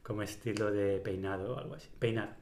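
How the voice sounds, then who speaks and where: A man's voice: lowish voice, steady tone, fast talker, darkish tone, reverberant. Puzzled man guessing words, laughing. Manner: puzzled, laughs often, thinks aloud. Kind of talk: casual word-guessing game.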